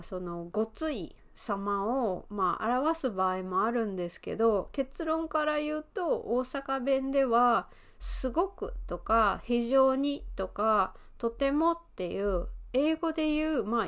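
A woman in her thirties with an Osaka accent, hosting a podcast lesson and explaining words in an easygoing way with fillers and soft laughs. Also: medium pitch. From Osaka, Japan. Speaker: Japanese teacher and podcast host.

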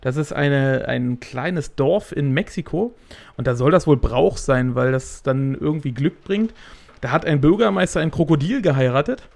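A man's voice: fairly high pitch, moderate pace, gravelly, a little mellow. A man in his thirties co-hosting a podcast, talking casually and rambling with many fillers. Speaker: podcast co-host. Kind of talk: casual chat.

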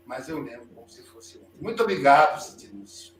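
Brazilian man, 50s, high voice, reflective storyteller, roomy far-off mic. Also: animated, brisk. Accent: Brazilian Portuguese. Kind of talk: storytelling a childhood memory. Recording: roomy distant recording with faint hum.

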